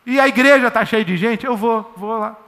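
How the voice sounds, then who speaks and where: Pastor preaching, chatty and jokey, high bright voice, big echoey hall. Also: male voice, normal speed. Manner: lively, conversational, jokey storytelling. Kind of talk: sermon. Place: church.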